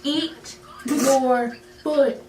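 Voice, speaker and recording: A woman's voice: sits high, steady tone, extremely slow, recorded from a distance, noisy background. A woman in casual, playful chat, giggly as she says short phrases in a game. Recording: echoey room with music behind.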